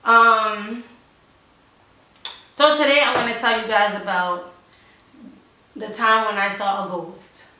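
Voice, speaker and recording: A woman's voice: mid-range voice, fairly even intonation, slow pace, long pauses, bright, forceful tone. A young woman from New York and Florida rambling through a casual storytime for her channel, full of "like" and "yo". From United States, New York and Florida. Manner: rambling and chatty, lots of "like" and "yo". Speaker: vlogger. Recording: echoey room, mic at a distance.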